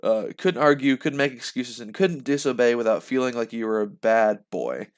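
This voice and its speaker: Animated young man reading a novel aloud. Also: mid-range voice, moderate pace. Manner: animated, laughs and breaks off mid-sentence. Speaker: reader reacting live.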